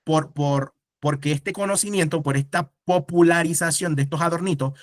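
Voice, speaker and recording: Higher-pitched man teaching a class. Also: normal speed, no room sound, clean studio sound. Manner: explanatory, asks the class rhetorical questions. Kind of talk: casual classroom lecture.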